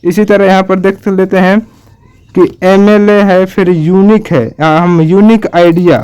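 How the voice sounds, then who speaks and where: A man with a Hindi accent teaches an online grammar lesson in a high, smooth, resonant voice. He explains slowly and patiently, repeating each example and spelling it out letter by letter. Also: steady tone, a little mellow.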